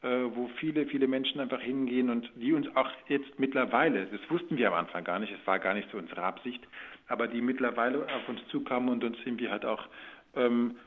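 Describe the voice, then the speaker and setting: Speaking quickly in a mid-range voice, a man who produces radio drama and acts gives rambling, informal interview answers as a conversational guest. The recording has a phone-like narrow band and slight background noise.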